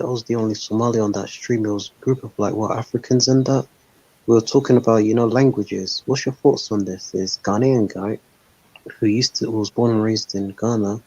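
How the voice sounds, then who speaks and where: A man's voice: lowish voice, a little mellow, breathy edge. A man hosting a casual online panel, rambling with lots of "like" and "um". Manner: rambling, heavy use of "like" and "um". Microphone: voice call over a live stream. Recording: dull lo-fi stream call audio.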